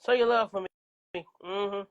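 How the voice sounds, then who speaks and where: A woman's voice: medium pitch, steady tone, moderate pace, lo-fi sound. Combative coughing woman ranting on a livestream. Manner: combative, profane, talking back to viewers. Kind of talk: casual livestream rant.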